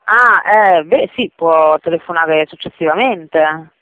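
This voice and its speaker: A woman's voice: low-pitched, slow, a little hiss or hum. A woman working as a call centre operator, speaking in a polite, helpful customer service voice as she explains things over the telephone. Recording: tinny, phone-like line.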